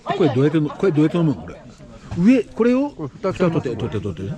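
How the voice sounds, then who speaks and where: A man's voice: on the high side, wildly swooping pitch, quick pace, crowd noise. A man vlogging in casual chat, muttering reactions and repeating short phrases. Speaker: travel vlogger.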